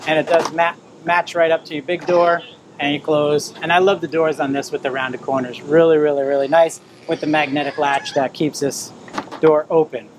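A man in his fifties presents an informal product tour, explaining features as he moves around. His voice sits a little higher than usual for a man. It is picked up by a camera mic with light ambient noise behind it. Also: flat delivery, moderate pace. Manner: explanatory, pointing things out while moving around. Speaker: presenter of a camper trailer tour. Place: at an outdoor RV display, in and around a small trailer.

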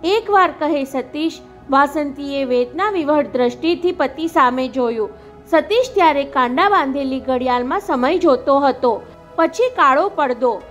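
A woman audiobook narrator reading a novel in a calm, measured way. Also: sits high, soft background music.

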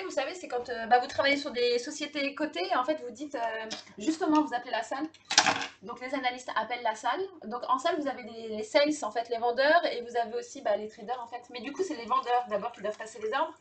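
Chatty high-voiced woman. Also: background noise. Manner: chatty, laughs often, many fillers and restarts. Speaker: livestream host cooking. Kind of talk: casual live-stream chat with viewers.

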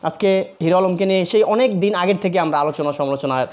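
Man, high voice, earnest commentary host, repeats himself, appeals to viewers. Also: fast talker, darkish tone. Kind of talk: emotional social media commentary.

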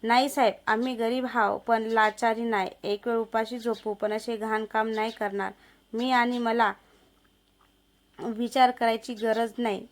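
A woman's voice: on the high side, flat delivery, measured pace. A woman voicing a poor, hardworking village wife who pleads and stands firm in a story. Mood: pleading. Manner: pleading, defiant.

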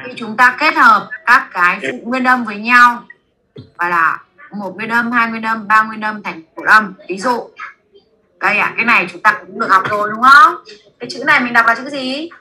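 A woman teaching basic French to a class in a classroom, with a Vietnamese accent, repeating words slowly for students to echo. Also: a little high, pushed and bright.

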